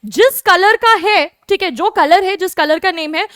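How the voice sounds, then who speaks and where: A woman with an Indian accent teaches French to kids, her voice sitting very high. She drills each word slowly, saying it again and again. The sound is dry and close, with no room around her. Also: fairly bright tone, no room sound. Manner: addresses pupils as kids, explains patiently. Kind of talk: online lesson in Hindi.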